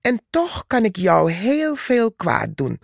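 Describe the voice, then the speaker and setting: A woman voicing a small, brave female red ant who answers back proudly, in a slow, gravelly reading. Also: medium pitch, huge pitch swings, dry recording, studio quality, pitched above the performer's own voice, exaggerated voice. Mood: defiant. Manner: defiant, proud.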